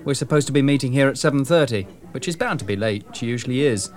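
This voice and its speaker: Someone performing a scripted dialogue for English learners, clear and friendly. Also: mid-range voice, animated, fast, a little mellow. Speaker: dialogue actor in a course recording.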